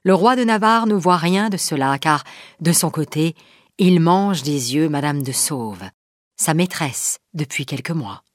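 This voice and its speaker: A woman calmly narrating a historical story in a storybook reading. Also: low-pitched, measured pace, no room sound, studio quality.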